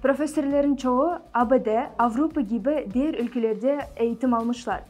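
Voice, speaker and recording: Young student woman, highish mellow voice, presenting over soft music. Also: fairly quick. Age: young adult. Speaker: university student. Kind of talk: prepared presentation.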